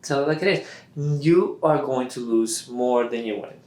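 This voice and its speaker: A man's voice: medium pitch, normal speed, darkish tone, slight background noise. A man talking as a guest on a casual podcast, emphatic and repeating key words, often laughing. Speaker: podcast guest, business owner. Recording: roomy echoey room.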